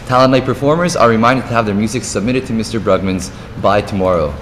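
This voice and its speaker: A young man with a fairly low voice reads school news as a student anchor. The sound is reverberant, with a little background noise. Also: fast talker, a bit bright. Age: teenager to young adult. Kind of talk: read-out school morning news. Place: indoor school studio, seated at a desk. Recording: reverberant room, faint noise.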